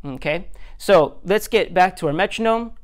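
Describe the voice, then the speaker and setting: A man's voice: high voice, animated, normal speed. A man as a music teacher, giving a recorded lesson step by step, counting beats aloud in a patient, self-deprecating way.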